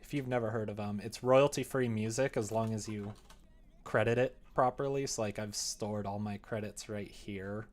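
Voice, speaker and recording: Speaking at normal speed in a lowish, steady voice, a young man casually livestreams his visual novel development from an indoor room at his computer. He thinks aloud, meandering and muttering as he goes.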